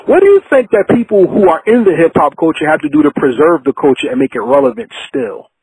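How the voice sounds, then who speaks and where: A man interviewing a guest in a conversational, reflective way, deliberately building up to his questions. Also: on the high side, lively intonation, a little mellow, slightly rough, no echo, rough recording.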